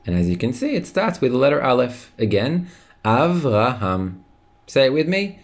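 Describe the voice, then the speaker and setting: A man teaching an online language lesson, patient and encouraging, slowly repeating words for listeners to say along. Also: mid-range voice, very animated.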